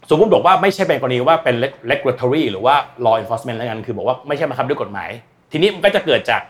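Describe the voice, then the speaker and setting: A man talking as a guest expert on energy and climate in casual, blunt, slangy speech, acting out quoted voices. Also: mid-range voice. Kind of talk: casual explanatory talk.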